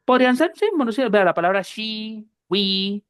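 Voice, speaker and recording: A woman teaching a class, explaining slowly and patiently, often repeating herself and checking that her students follow. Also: mid-range voice, clean tone, dry recording, clean studio sound. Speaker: English teacher.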